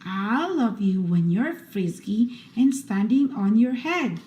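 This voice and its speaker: A woman with a medium-pitched voice hosts a children's read-aloud, reading picture books in an expressive, deliberate bedtime-story style. The room gives a roomy echo, with faint background noise.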